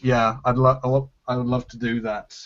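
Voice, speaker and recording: A man's voice: medium pitch, little pitch movement, normal speed, fairly bright tone, dull audio. A man hosting a casual Q&A about his series, rambling with lots of restarts. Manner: rambling, hesitant, with frequent restarts and laughs. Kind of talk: casual group chat.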